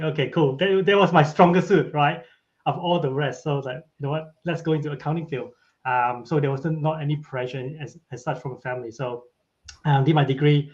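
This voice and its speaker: A man in his forties talks casually as a podcast guest, often ending his points with a quick "right?". His voice sits at an ordinary pitch. The audio is somewhat dull and lo-fi. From Malaysia. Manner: tags sentences with a questioning "right?". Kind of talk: casual interview chat.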